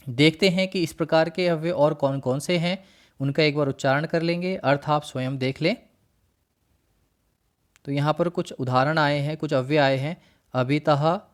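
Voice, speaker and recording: A man teaching a worksheet lesson, reciting word lists in a slow, measured way and then explaining each one. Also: fairly high pitch.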